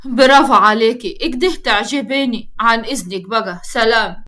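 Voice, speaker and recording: A woman's voice: a little high, normal speed, bright, forceful tone. A woman voicing a scheming, menacing older village woman with an Upper Egyptian accent, sneering and threatening.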